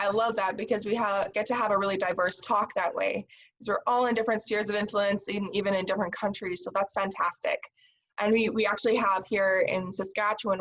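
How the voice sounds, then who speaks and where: A woman's voice: mid-range voice, fairly bright tone, rough recording. Upbeat Canadian woman moderating a panel. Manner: upbeat, encouraging. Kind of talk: panel discussion on a video call.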